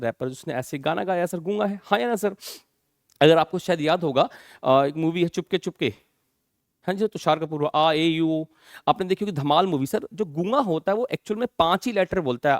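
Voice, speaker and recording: A male English teacher with an Indian accent lecturing students in Hindi mixed with English. He keeps calling them "children" and asking check questions, and he dictates definitions slowly, word by word. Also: fairly high pitch, no room sound, studio quality. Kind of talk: classroom lecture.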